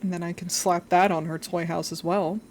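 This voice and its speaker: A woman's voice: fairly low pitch, fairly even intonation, fairly quick, darkish tone, a little hiss or hum. A woman chatting casually on a livestream as host, in a cute, friendly anime-streamer manner that welcomes viewers. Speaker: livestream host, VTuber artist. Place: living room at home.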